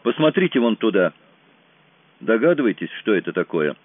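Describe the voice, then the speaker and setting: A man voicing a nervous, grim male kidnapper in a thriller audiobook, speaking in a low, weary, resigned way. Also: sing-song, moderate pace, slightly rough, dry recording. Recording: dry, tinny phone-like sound.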